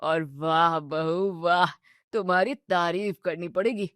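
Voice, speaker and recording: Lady doing a deep-ish joking old father-in-law, drawls out his teasing lines, dry close sound. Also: takes it slowly, fairly bright tone, clear, resonant tone, dry recording. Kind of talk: storybook narration.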